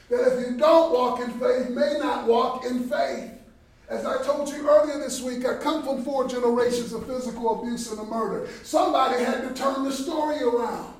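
A man giving an animated sermon at a Bible study, swinging between shouts and quiet passages. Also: extremely high pitch. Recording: echoey hall, distant, faint noise.

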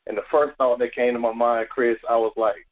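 A man, telling animated stories as a podcast guest, often repeating words and saying "you know". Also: medium pitch, a little fast, dull audio. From South Carolina, USA. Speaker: guest, former football player. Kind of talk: storytelling in a podcast interview.

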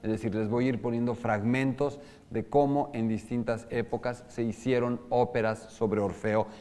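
A man's voice: mid-range voice, steady tone, moderate pace, dark tone. A man with a Mexican Spanish accent gives an informal lecture on opera, asking his audience questions and singing short examples. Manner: explains with sung and spoken examples, asks the audience questions. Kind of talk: informal lecture to a live group. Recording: long hall reverb.

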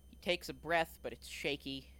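A man narrating a tabletop game as game master in a calm, descriptive way. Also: a little high, moderate pace.

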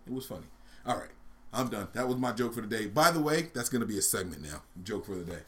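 A man's voice: on the low side, fast. A man on a casual talk show, telling a long joke with lots of laughs and shrieking voices. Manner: animated, laughs a lot, shrieks during voiced parts of jokes.

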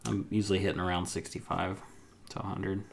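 A laid-back man with a lowish voice chats about games. He hesitates often and leans on fillers. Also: little pitch movement, a little fast, gravelly, a little hiss or hum. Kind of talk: casual gaming chat.

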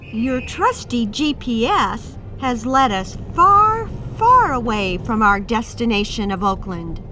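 An actress playing a chatty, teasing wife on a road trip in a radio drama. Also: female voice, on the high side, slow pace, soft background music, full character voice. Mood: playful. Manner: teasing, expressive.

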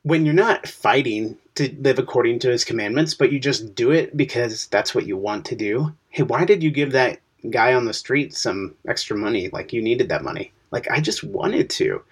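Husky-voiced man explaining scripture. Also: medium pitch, animated, moderate pace, few pauses. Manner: explanatory, poses questions to the listener. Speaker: podcast co-host. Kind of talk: casual Bible study discussion.

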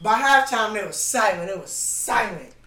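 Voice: mid-range voice, lively intonation, moderate pace, a crowd in the background. A laid-back speaker joking in a casual chat. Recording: roomy, off-mic.

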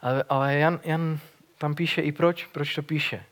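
A man with a slightly high voice delivers a sermon in an earnest, conversational manner. He retells a gospel story, often restarting his phrases and adding little fillers as he goes. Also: fairly even intonation, a bit bright. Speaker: preacher.

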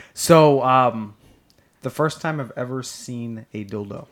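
A man's voice: mid-range voice, takes it slowly. A man co-hosting a casual podcast, telling stories with lots of swearing and putting on other people's voices, sitting a bit too far from his mic. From California. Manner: animated storyteller, swears freely, acts out voices. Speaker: podcast co-host. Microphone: sits too far from the mic.

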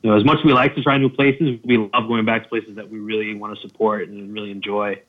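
A man chatting casually as a guest about food vlogging, relaxed and laughing often. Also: lowish voice, fast. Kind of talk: casual chat. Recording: tinny phone-like line.

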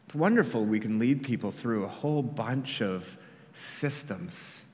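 A man preaching a sermon in an earnest, storytelling way, often dropping quiet for emphasis. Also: medium pitch, expressive, a little slow, long reverb tail. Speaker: pastor. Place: church.

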